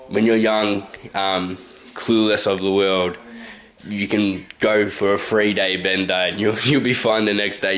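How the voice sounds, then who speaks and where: This Australian vlogger, a man in his twenties, has a low voice with a fairly bright tone, captured on a rough recording. At home indoors, he tells a meandering, casual story to his handheld camcorder, frequently chuckling and correcting himself.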